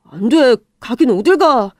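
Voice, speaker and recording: A woman's voice: on the high side, lively intonation, a little slow, no room sound, clean studio sound. A woman voicing an earnest teenage son pleading with his mother in a radio story.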